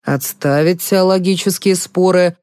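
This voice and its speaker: A woman reads a demanding, menacing young man; sharp, mocking, low-voiced. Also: a little slow, clear, resonant tone, no echo, studio quality, natural voice. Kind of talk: audiobook character reading.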